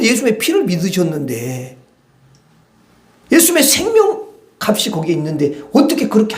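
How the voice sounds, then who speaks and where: A high-pitched male pastor preaches with animated, conversational energy and throws rhetorical questions to the congregation. His voice rings through a roomy church sanctuary. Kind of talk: sermon.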